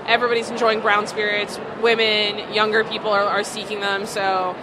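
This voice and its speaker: A woman's voice: mid-range voice, level tone, moderate pace. Woman distiller chatting at a market, lots of likes and ums, noisy crowd behind. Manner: chatty, full of "like" and "um" fillers. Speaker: distillery co-owner. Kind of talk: casual interview answers. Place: busy food market.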